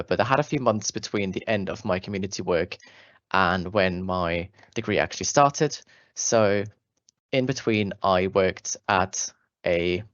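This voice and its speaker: His voice lowish, a twenty-something man with an Austrian German accent tells students about his doctoral journey in a sincere, warm manner, with plenty of fillers and false starts. The sound is dry and lo-fi.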